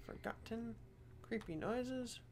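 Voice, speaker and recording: A man's voice: very high voice, slow, slight background noise. A man casually commenting as he plays a game, muttering self-deprecating asides. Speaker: game streamer.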